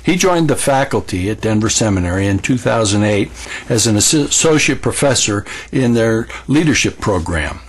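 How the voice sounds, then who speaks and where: A man hosting the program, reading a smooth, scripted introduction of the speaker. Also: medium pitch. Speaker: program host.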